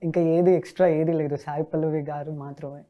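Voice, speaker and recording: A woman with a Telugu accent, a dubbing artist chatting casually in an interview in a relaxed way. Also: low voice, brisk. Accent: Telugu, Hyderabad. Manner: relaxed, bursts into lively character voices when imitating film dialogue.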